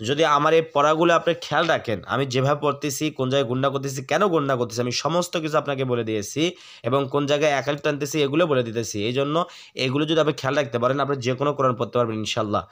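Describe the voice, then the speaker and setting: A man teaching Quran recitation, spelling out words letter by letter and then chanting them slowly and drawn out. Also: medium pitch, fairly bright tone.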